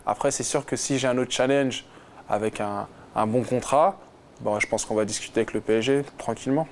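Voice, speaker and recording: Brisk and medium-pitched, with a little hiss or hum, this footballer guest in his twenties takes interview questions casually. His answers are hesitant, packed with fillers and restarts.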